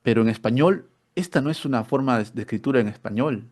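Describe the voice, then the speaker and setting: Male teacher, explanatory, mid-pitched voice, rhetorical questions. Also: animated, fast talker, darkish tone. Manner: explanatory, asks rhetorical questions, repeats words. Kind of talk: online spelling workshop lesson.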